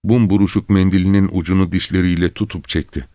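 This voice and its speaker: A man with a low voice narrates a literary story in a calm, measured way. The recording is completely dry and close, with no room sound. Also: no room sound. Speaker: audiobook narrator.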